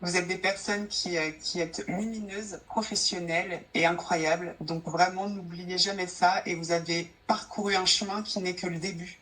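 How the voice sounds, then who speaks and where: A woman's voice: on the low side, steady tone, moderate pace, few pauses, a bit bright. A woman speaking earnestly and emphatically as she encourages a group. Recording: distant from the mic.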